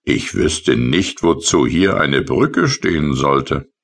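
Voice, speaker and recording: A man's voice: rumbling low, sing-song, takes it slowly, exaggerated voice. A man voicing a grumpy, weary male painter in a children's audiobook, sulky and complaining. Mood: grumbling.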